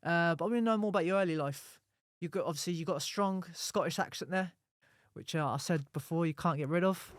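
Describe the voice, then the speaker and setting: A man with a notably high voice hosts a podcast. He puts questions in a casual, chatty style, and the recording is dry with little room sound. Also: quick pace, dry recording. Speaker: podcast host.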